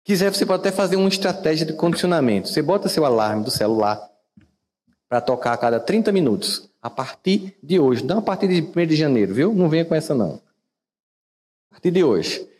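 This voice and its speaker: A man's voice: sing-song, fast talker, darkish tone, big-room sound. A man with a Brazilian Portuguese accent hosting a reflective motivational talk, conversational and asking his listeners questions. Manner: conversational, asks listeners questions, wide swings in pitch. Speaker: podcast host and teacher.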